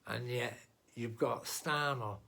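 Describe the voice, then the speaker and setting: His mid-range voice is slow, gravelly and sharp as this vlogger talks directly to viewers in a blunt, meandering political monologue. He speaks off the cuff, with restarts and asides.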